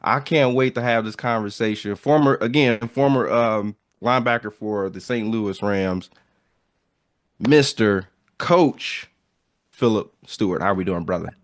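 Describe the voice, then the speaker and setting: A man's voice: fairly low pitch, moderate pace, hardly any pauses, no echo, studio quality. A man hosting a podcast in casual chat, opening with upbeat intros and repeated phrases. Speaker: podcast host.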